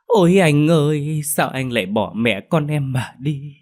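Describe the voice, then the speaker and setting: A man's voice: fairly high pitch, animated, voice pushed up. A man doing a wailing young widow. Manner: wailing, drawn-out lament. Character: grieving young widow, wailing, feigning sorrow. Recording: faint music behind.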